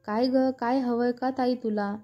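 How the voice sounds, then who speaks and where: A woman's voice: fairly high pitch, steady tone, unhurried, dull audio, faint music behind. A woman voicing a remorseful young woman who pleads with her elder sister. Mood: evasive. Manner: pleading, hesitant.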